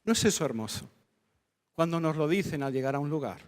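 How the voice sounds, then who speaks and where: Spanish pastor guy preaching, fairly high voice, lots of reverb in the church hall. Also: animated, brisk. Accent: Spain Spanish. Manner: fervent preaching with rising emphatic lists. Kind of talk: sermon.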